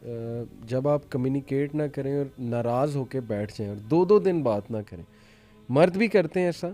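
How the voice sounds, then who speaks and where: A man's voice: medium pitch, warm tone, faint music behind. A man hosting a panel discussion who often murmurs agreement between his own points. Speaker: host.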